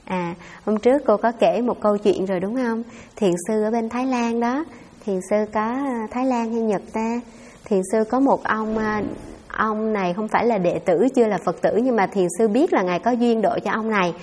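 Nun giving a dharma talk. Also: female voice, on the high side, normal speed, a little mellow, slightly rough, in a large hall. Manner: conversational storytelling, addresses audience directly. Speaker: Buddhist nun teacher. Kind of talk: dharma talk answering questions.

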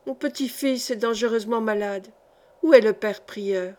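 A woman's voice: on the high side, moderate pace, darkish tone, natural voice. A woman reading an anxious old peasant grandmother who pleads urgently, in a storybook. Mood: pleading.

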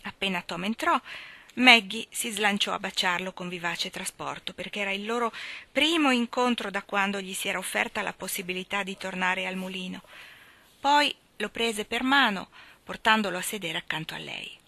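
Donna che legge con voce chiara e brillante. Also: female voice, mid-range voice, moderate pace, no room sound. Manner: steady, expressive reading. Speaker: reader. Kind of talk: audiobook narration.

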